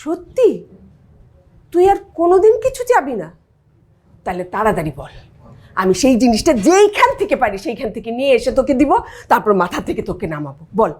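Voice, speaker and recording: A woman's voice: high voice, wildly swooping pitch, fairly quick, a little mellow, heavily acted. An exasperated doting mother. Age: middle-aged. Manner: exasperated, teasing. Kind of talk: TV drama acting.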